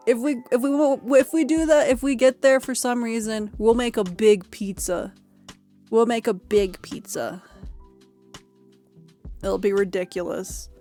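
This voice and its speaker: A woman's voice: medium pitch, a little mellow. A young woman streamer chatting casually with her viewers, giggly and rambling, often repeating herself.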